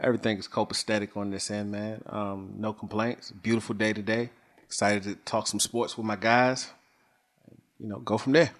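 A man's voice: lowish voice, level tone, normal speed. A man co-hosting a casual sports podcast in an easygoing, upbeat way. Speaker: podcast co-host.

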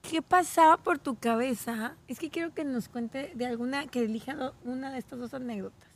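A woman's voice: high-pitched, normal speed. A middle-aged woman with a Mexican accent, co-hosting a casual family podcast, chatty and teasing. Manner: chatty, teasing, jumps in often. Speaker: podcast co-host, mother.

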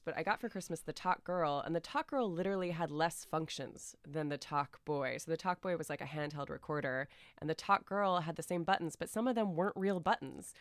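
A low, bright American woman in her thirties talks candidly on a podcast, wandering through her thoughts with self-mocking asides and easy laughter. Her voice is crisp and clean, recorded dry and close. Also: no echo. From United States. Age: 30s. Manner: rambling, self-deprecating, laughs often. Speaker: podcast guest. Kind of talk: casual podcast chat.

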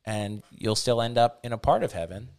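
A man's voice: mid-range voice, moderate pace, a little mellow, smooth. A man on a podcast chatting casually and explaining his beliefs with easy humor.

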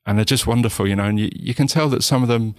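Speaking reflectively as an interview guest, a man from England with a southern English accent keeps pausing, restarting, and saying "you know." His medium-pitched voice has a clean tone, recorded in clean studio sound without echo.

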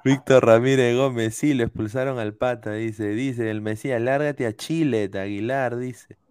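A man's voice: mid-range voice, steady tone, normal speed, a little mellow, smooth, dry recording, studio quality. A man with a Peruvian accent hosting a casual football podcast, playful and reading viewer comments aloud. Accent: Peruvian Spanish. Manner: laid-back, playful, reads comments aloud.

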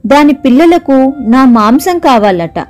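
A woman's voice: high voice, lively intonation, unhurried, a little mellow, pitched above the performer's own voice. A woman doing a frightened, wary lion king. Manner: suspicious, fearful.

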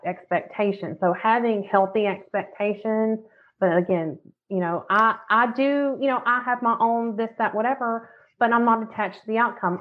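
Candid woman on a tinny line. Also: medium pitch. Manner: earnest, candid, swears casually. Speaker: podcast guest, forgiveness teacher. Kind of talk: casual podcast chat. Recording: tinny phone-like audio.

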